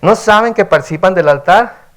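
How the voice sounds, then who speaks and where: At a midweek service, a pastor teaches the Bible by reading verses aloud and then explaining them. His voice is a little high for a man, and he speaks conversationally at a moderate pace, frequently adding a questioning "¿verdad?" to draw listeners in.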